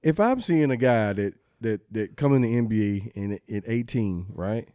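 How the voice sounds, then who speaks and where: A man in casual sports talk, his voice dark and mellow. He rambles in a relaxed way, doubling up words before landing his point. The sound is dry and close, with no room around it. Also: medium pitch, moderate pace, clear, resonant tone, dry recording. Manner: rambling, repeats words, laid-back. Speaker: podcast co-host.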